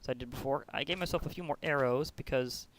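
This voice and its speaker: A man hosting a game video, chatty and excitable as he plays and comments. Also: mid-range voice, fast. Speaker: host. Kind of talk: gameplay commentary.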